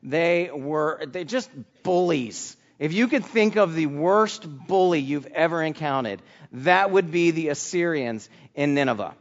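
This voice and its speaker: A man giving a sermon as a children's pastor, moving between personal testimony and Bible teaching. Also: high-pitched. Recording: muffled sound in reverberant hall.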